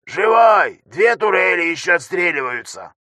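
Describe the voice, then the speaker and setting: A frantic young ship technician barks reports over the intercom in a high, gravelly voice that is bright and sharp, as a male narrator puts him on. The delivery is shouted and rapid, and the recording is dry and close. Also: big pitch swings, no room sound, full character voice. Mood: shouting urgently.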